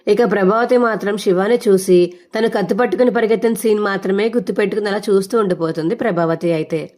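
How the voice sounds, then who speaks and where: A woman's voice: mid-range voice, quick pace, a little mellow. Woman chattily retelling a serial episode. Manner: chatty, running narration with dialogue read-outs. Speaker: storyteller.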